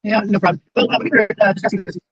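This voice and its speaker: Trustee guy on a video call, kinda high voice, lots of uh and um, dry close audio. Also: fairly even intonation, fast, fairly bright tone, breathy edge, dry recording, highs cut off. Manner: hesitant, many filler sounds. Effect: heard over a video call. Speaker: school board trustee. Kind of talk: meeting discussion.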